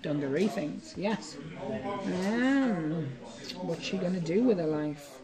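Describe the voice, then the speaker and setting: A woman's voice: lowish voice, animated, slow, a crowd in the background. A woman from England, playing a tabletop wrestling game and doing mock ringside announcing with dry, teasing asides. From northeast England.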